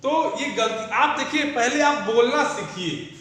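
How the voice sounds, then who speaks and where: A man teaches an online class. His voice is very high and bright, and he speaks slowly. He keeps asking his pupils questions again and again, and he sounds distant in an echoey room. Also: animated. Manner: patient, repeats questions to pupils, calls them son. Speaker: school Hindi teacher. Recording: echoey room, voice far from mic.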